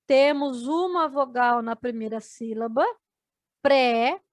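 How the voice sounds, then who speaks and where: A Brazilian woman teaches an adult education video lesson, slowly spelling out words syllable by syllable for her students in Brazilian Portuguese. Her voice is high-pitched and the recording is dry.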